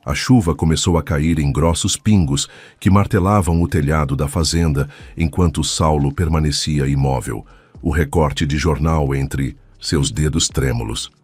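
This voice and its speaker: A man reading a dramatic story in a measured, scripted narration. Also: extremely low pitch, a little mellow, slightly rough, dry recording.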